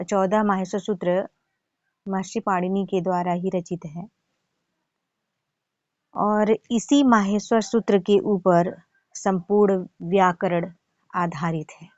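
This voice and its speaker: A woman's voice: on the low side, a little mellow, no room sound, dull audio. A woman teaching a grammar lesson, reciting and correcting pronunciation syllable by syllable. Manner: careful drawn-out syllable-by-syllable pronunciation drills. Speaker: Sanskrit teacher.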